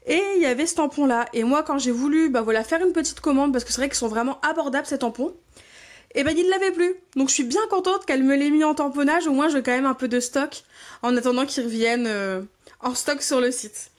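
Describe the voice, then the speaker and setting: High-voiced, gushing French-speaking woman. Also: a little fast. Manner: gushing, enthusiastic, repeats her delight. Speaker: scrapbooking channel host. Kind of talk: casual unboxing chat.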